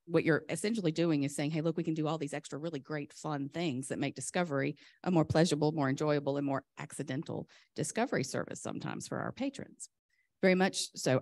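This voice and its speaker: A woman presenting a rushed lightning talk at a conference, enthusiastic and chatty, often interrupting herself in a flustered way. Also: deep voice, darkish tone, no room sound. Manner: flustered, chatty self-interruptions while juggling laptop. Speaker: conference speaker, software vendor presenter.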